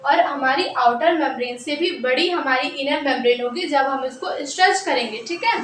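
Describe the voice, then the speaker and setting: A woman with a high, fairly bright voice teaches biology at a normal speed in a room with a board. She repeats key terms, poses questions she answers herself, and mixes in English phrases; the mic is distant and the room echoes.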